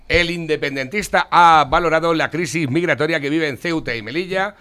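Man from Spain, bright voice, crude, mocking talk host. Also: fairly high pitch, a little fast, clear, resonant tone. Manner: mocking, crude, reads out headlines. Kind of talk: provocative political commentary.

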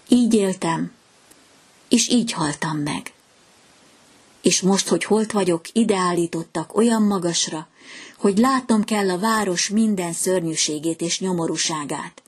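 Woman reading a mournful statue prince in a storybook, low and breathy. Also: a little mellow. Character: sorrowful golden statue of a prince.

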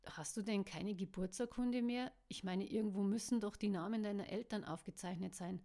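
A woman voicing a cool, determined young man in a storybook who speaks in a somewhat rough, steady way. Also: medium pitch, brisk, lightly acted. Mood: earnest.

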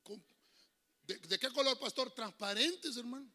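A man's voice: very high voice, unhurried, sharp tone, big-room sound. A middle-aged man, a pastor with a Honduran Spanish accent, preaching a sermon and calling out to his congregation. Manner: preachy and emphatic, calls out to the congregation. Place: church hall.

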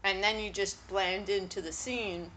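A woman's voice: mid-range voice, steady tone, unhurried, bright, forceful tone, a little hiss or hum. A woman co-hosting a casual chat podcast, telling loose stories with frequent ums and casual swearing. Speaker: podcast co-host.

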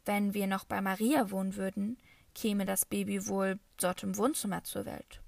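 A woman reading a children's novel as first-person scripted narration, in a calm storytelling manner. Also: medium pitch, creaky, dry recording. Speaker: audiobook reader.

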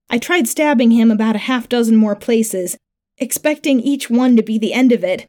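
Woman reading a grim space horror story in first person, matter-of-fact, soft mellow voice. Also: mid-range voice. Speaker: narrator. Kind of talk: first-person fiction narration.

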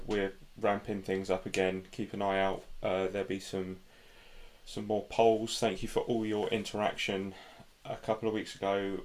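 A man chatting casually as a co-host on a sports podcast. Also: deep voice.

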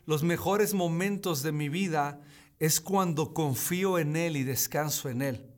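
A man's voice: fairly high pitch, measured pace. A man in his thirties preaching a streamed sermon, stressing his points by saying key phrases again. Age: 30s. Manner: emphatic, repeats key phrases.

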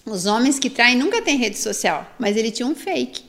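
A woman's voice: a little high, normal speed. A Brazilian woman in her forties, a guest in an interview, telling a personal story candidly and with animation, acting out what others said. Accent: Brazilian Portuguese. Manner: animated, quotes others' words in voices.

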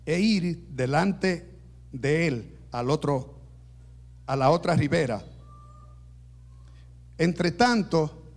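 A man preaching a sermon, reading scripture slowly and deliberately and building up intensity as he reads. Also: on the high side, creaky. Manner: slow, deliberate delivery with self-corrections.

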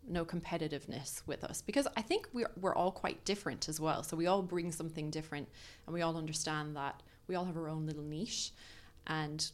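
A woman with an Irish accent, a makeup artist chatting as a podcast guest in a relaxed, talkative way. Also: low-pitched. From Ireland. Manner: chatty, thinks aloud with fillers. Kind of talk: casual interview talk.

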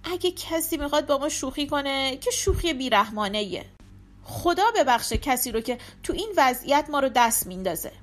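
A woman's voice: high-pitched, lively intonation. A woman narrator voicing a grieving lord, weary and sorrowful, refusing to believe what he hears.

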